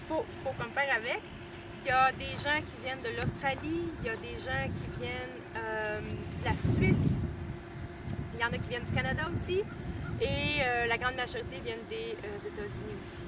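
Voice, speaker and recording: A woman with a Québécois French accent, chatting hesitantly as she gives a casual outdoor video-diary tour recorded on a camera mic. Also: high voice. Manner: chatty and hesitant, with frequent pauses and light laughs. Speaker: student giving a video tour. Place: outdoors at a horse training center. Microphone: camera mic, filmed by someone behind the camera. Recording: loud outdoor background noise.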